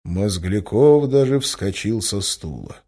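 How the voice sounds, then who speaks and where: A man's voice: lowish voice, lively intonation, takes it slowly, mellow, breathy edge. A man reading classic literary prose aloud as an audiobook narrator, with dramatic expression.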